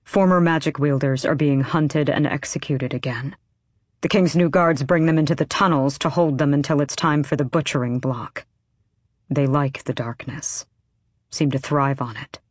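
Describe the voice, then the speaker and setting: A woman reading an audiobook, voicing a curt, gruff young male rebel leader in low, quiet tones. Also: steady tone, moderate pace, no echo, clean studio sound. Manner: curt, terse commands.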